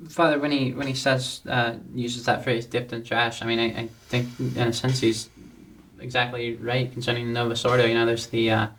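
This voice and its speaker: A man hosting a religious talk show, speaking earnestly and haltingly, with many fillers. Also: mid-range voice, flat delivery, a bit bright, a little hiss or hum, poor audio. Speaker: host. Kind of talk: casual talk-show discussion.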